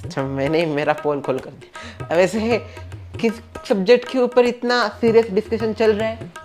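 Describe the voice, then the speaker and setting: A man playing a loud, joking middle-aged father who likes a drink, in a comedy sketch. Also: high-pitched, normal speed, soft background music. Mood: blustery. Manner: loud, joking, blustery, shouts at times.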